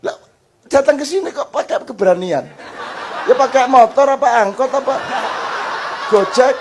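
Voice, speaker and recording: An older man preaching to a gathering, animated and joking, acting out little dialogues. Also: very high voice, normal speed, background noise. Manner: animated, joking, mixes in Javanese phrases, acts out dialogues. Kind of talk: lively Islamic study talk before a crowd.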